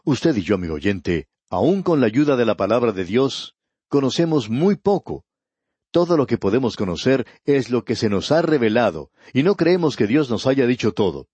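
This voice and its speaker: A husky-voiced man gives a radio Bible teaching in a dry, close sound. He reads scripture slowly and deliberately and speaks straight to the listener. His pitch sits in an ordinary middle range for a man. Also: big pitch swings, a little mellow, dry recording. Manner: addresses the listener directly.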